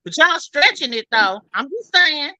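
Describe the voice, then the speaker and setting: A woman talking bluntly and loudly in a casual podcast chat, full of slang. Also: high voice, very animated, moderate pace, dry recording, low-quality recording. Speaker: panelist.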